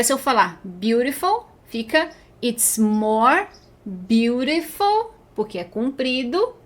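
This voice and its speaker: High-voiced woman teaching English grammar. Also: a bit bright. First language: Portuguese. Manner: explains patiently, drawls English example words slowly. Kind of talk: beginner grammar lesson.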